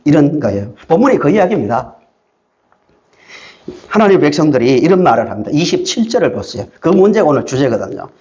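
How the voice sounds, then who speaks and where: A man's voice: fairly high pitch, very animated, a little fast, darkish tone. A male pastor preaching an emphatic sermon, having the congregation read and repeat lines along with him, with a dull lo-fi sound.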